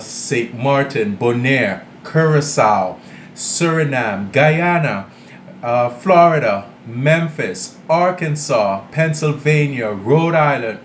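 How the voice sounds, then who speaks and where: Slow-talking man in an echoey kitchen. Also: medium pitch, a little hiss or hum. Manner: chatty, addresses viewers directly, often tags "all right?". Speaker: cooking channel host. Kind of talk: casual cooking vlog. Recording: echoey room.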